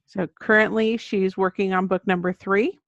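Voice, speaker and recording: Here an American woman, guest author of children's books on a podcast, explains things earnestly and conversationally. She speaks at normal speed with a medium pitch and level tone; there's no room sound, but the audio is muffled, dull lo-fi.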